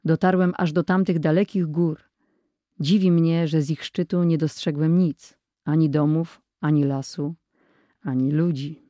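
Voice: medium pitch, steady tone, warm tone, dry recording, studio quality, close to an everyday voice. A reader doing earnest, thoughtful boy Henryk. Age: child. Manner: earnest, measured, reporting.

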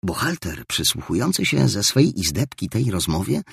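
A man narrating a storybook in a measured, expressive way, his pitch rising and falling widely. His voice has a husky grain, and the recording is close and dry with no room around it. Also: no room sound. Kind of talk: audiobook narration.

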